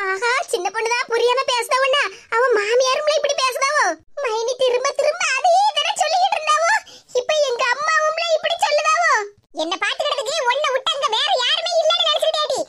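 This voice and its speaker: A shrill, very high, cranky old mother for a cartoon, voiced by a woman, scolding and boastful, with a Tirunelveli Tamil accent. She takes offense fast, and loud noise hisses under her voice throughout.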